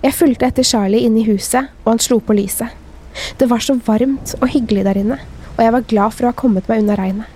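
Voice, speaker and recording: A woman host narrating a horror tale in a measured, steady voice. Her voice is a touch high and soft, mellow rather than bright. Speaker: podcast host. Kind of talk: scripted horror story narration.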